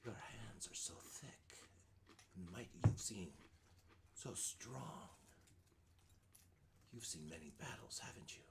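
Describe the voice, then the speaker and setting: Man putting on a raspy, whispery old hag. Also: lowish voice, animated, very noisy, heavily acted. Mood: coy, admiring. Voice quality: raspy, breathy half-whisper. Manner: old hag croon, slow and coaxing.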